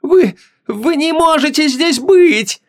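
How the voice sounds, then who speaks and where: A man voicing a terrified young princess who cries out in panic in a shrill, high voice. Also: sing-song, moderate pace, fairly bright tone, full character voice. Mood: hysterical. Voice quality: high, shrieking.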